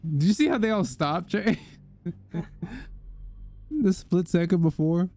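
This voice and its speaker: Slangy young gamer, slightly high voice. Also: male voice, measured pace, mellow. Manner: teasing, bossy, slangy. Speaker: gamer in co-op let's play. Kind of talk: casual gaming banter.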